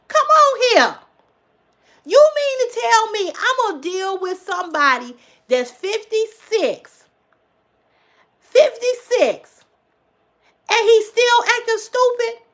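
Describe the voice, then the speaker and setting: Hosting a casual livestream, a woman in her fifties speaks to her viewers with emphasis, repeating things for effect. She swears freely and moves back and forth between loud exclamations and low asides.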